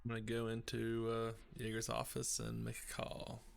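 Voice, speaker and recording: Gravelly-voiced man playing a formal agent. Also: mid-range voice, completely flat delivery. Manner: formal, measured phrasing. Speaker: player. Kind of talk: in-character tabletop play.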